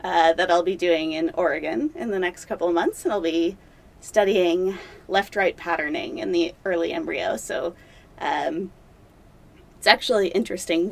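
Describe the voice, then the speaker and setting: Seated in a dark studio for an interview, a young doctoral candidate talks in a chatty, self-deprecating way, using lots of filler words. Her voice is on the low side with noticeable vocal fry.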